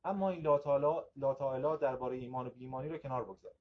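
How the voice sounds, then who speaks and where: A man's voice: medium pitch, steady tone, close to an everyday voice. A man reading aloud the lines of a skeptical old male prisoner, on a slightly dull recording.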